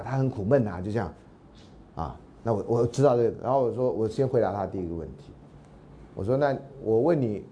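A man's voice: fairly low pitch, dark tone, slight background noise. A man with a Taiwanese Mandarin accent giving a university lecture, telling anecdotes in a chatty way, acting out the dialogue and often asking his listeners whether they follow. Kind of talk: storytelling lecture.

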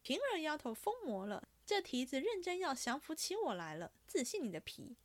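A woman voicing a sharp-tongued, jealous young noblewoman who runs the household, speaking in a teasing, probing, commanding way. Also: high-pitched, big pitch swings, moderate pace, no room sound, pitched above the performer's own voice.

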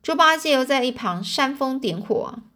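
A woman's voice: high-pitched, animated, normal speed, bright, forceful tone. A woman reading a children's storybook aloud, stopping to explain words in a chatty way.

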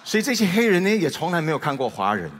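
A middle-aged Taiwanese man with a Taiwanese Mandarin accent speaks very fast in a fairly high voice, telling a humorous personal testimony as a guest speaker. He is an animated storyteller who acts out the dialogue with comic timing. The reverberant hall recording carries a little hiss or hum.

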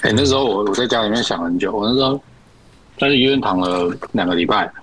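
A man's voice: lowish voice, quick pace, slightly rough, poor audio. A young man, a podcast guest, telling college stories and laughing as he talks. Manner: laughing, animated storyteller. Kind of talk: casual storytelling chat.

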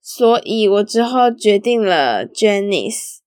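A woman's voice: medium pitch, big pitch swings, slow pace, darkish tone, no echo, clean studio sound. A young woman hosting a solo podcast, telling stories in a chatty, giggly way with lots of casual fillers. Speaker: podcast host.

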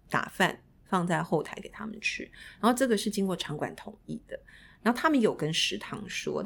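A woman from Taiwan, a guest arts administrator telling a story animatedly and acting out the people in it. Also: on the low side. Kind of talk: casual podcast storytelling.

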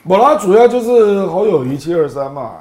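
A man's voice: high-pitched, big pitch swings, brisk, a little mellow. A man with a Taiwanese accent giving casual political commentary as a guest, colloquial and emphatic, with particles closing his phrases.

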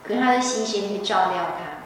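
A woman's voice: mid-range voice, brisk, slight background noise. Woman teaching in a hall. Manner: animated, vivid storytelling. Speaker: religious teacher. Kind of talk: scripture lecture with storytelling. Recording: echoey hall from far off.

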